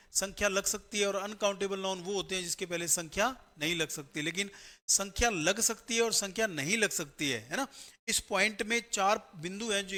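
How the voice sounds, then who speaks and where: A male grammar teacher giving a step-by-step classroom lecture for exam students, often checking in with a quick "right?". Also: high voice, sharp tone.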